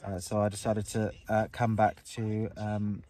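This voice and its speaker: This English wild camper in his forties has a lowish, warm, monotone voice and takes his time. Chatting to a phone held close inside his small moorland tent, he rambles in an upbeat way with lots of ums.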